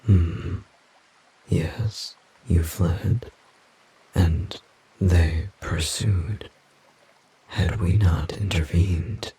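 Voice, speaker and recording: In an audio roleplay, a man voices a grave, protective yet naively curious forest demon, fully in character. His deep, dark voice has a breathy, gravelly rasp, and he speaks slowly, formally, haltingly, and pensively. The audio quality is poor.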